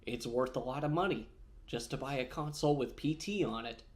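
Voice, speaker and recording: Speaking fairly quickly in a medium-pitched voice, this gaming vlogger rambles casually with many fillers and self-corrections. He keeps eating almonds the whole time.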